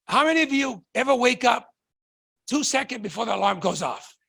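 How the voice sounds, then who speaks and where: A man's voice: very high-pitched, animated, fairly quick, creaky, bright, forceful tone, husky, no echo. A man from Tonga, giving a fervent motivational stage talk and firing rhetorical questions at the audience. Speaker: motivational speaker.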